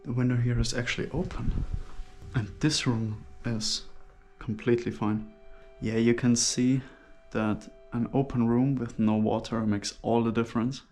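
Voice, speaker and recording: A man speaks casually through a face mask in a musing, hushed way, narrating his solo exploration for viewers. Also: mid-range voice, steady tone, measured pace, faint music behind. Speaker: solo urban explorer vlogger. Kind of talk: casual exploration commentary to camera. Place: inside an abandoned hotel's rooms.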